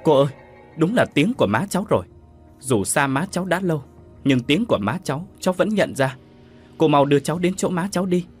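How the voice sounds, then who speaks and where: A man's voice: fairly high pitch, animated, fairly quick, slightly rough, soft background music, pitched above the performer's own voice. A man playing a distraught young son, voice rising. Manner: pleading, agitated outbursts. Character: anxious young man, grieving and vengeful.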